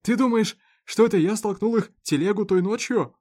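A man voicing an enraged grieving farmer who shouts in fury, in a read-aloud story. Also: sits high, moderate pace, pitched above the performer's own voice. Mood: furious. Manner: shouting, furious.

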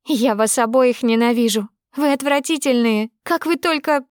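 A woman reading an audiobook, voicing a betrayed young woman who shouts accusations in a high, breaking voice. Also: normal speed, dry recording, studio quality, natural voice. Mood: furious. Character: furious betrayed young woman, shrill and tearful.

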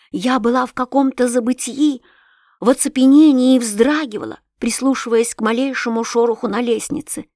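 A woman narrating a novel aloud, telling it with rising feeling. Her voice sits at an ordinary pitch. The sound is dry and close to the mic. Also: no room sound. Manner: expressive, emotional storytelling. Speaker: audiobook reader. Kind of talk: scripted narration of a classic novel.

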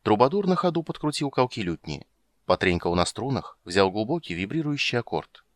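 A man narrates a fantasy story with a low, lively voice that rises and falls with the action. His reading is expressive and steady. The recording is dry and close to the mic. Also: a little fast, dry recording. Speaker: audiobook narrator. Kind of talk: scripted narration.

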